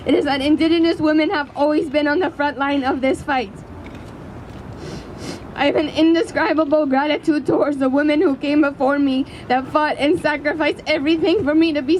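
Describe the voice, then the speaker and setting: A woman giving a prepared speech as an activist at a rally, speaking in an earnest, impassioned, deliberate way. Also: high-pitched, steady tone, a little mellow, poor audio. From Canada. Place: outdoors in a city square. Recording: outdoor public square with city traffic noise.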